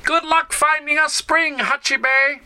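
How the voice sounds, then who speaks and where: A man's voice: very high-pitched, fairly even intonation, slow pace, bright, forceful tone, exaggerated voice. A man voicing kind village folk in a storybook tale, sending off a friend. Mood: hopeful.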